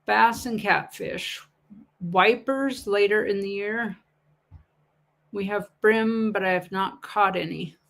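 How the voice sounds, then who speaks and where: A woman's voice: mid-range voice, slow, vocal fry, a bit bright. A woman casually chatting and selling coins on a livestream, rambling through stories and laughing easily. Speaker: livestream coin seller.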